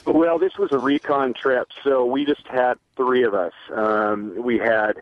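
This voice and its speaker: A man's voice: mid-range voice, steady tone, a little slow, dry recording, dull audio. A man who works as a fly-fishing outfitter, a guest telling a trip story in an easygoing way with plenty of ums. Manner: easygoing, many um and uh fillers. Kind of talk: casual recounting of a trip.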